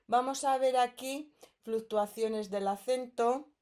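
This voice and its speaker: Slow, patient Spanish teacher woman. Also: fairly high pitch, fairly even intonation, mellow. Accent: Spain. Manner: patient, explains step by step with checking "¿eh?". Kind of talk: recorded grammar lesson.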